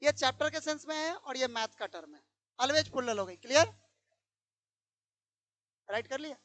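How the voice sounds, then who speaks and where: A woman's voice: high voice, expressive, normal speed, fairly bright tone. A woman teaching a grammar lesson in a classroom, quizzing pupils and repeating each question.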